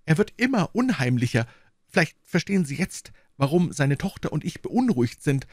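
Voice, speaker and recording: A man's voice: fairly high pitch, big pitch swings, normal speed, no room sound, studio quality, pitched above the performer's own voice. A man voicing an anxious, apologetic young male assistant with a flustered, pleading manner, in an audiobook reading.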